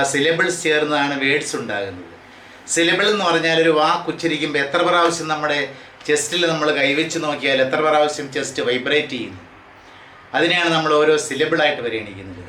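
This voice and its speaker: A man lectures on grammar for exam students, his voice bright and a little high. He reads each rule out slowly, then drills the word forms one after another. The room is echoey, with a faint hum of ambience behind him. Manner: reads English rules out slowly, then explains them at a quicker pace. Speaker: English grammar teacher.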